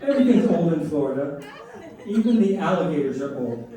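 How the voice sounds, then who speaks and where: A middle-aged man performing stand-up comedy in setups and punchlines with pauses, to a laughing audience. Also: on the high side, big pitch swings. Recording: roomy echoing live venue, distant mic, faint noise.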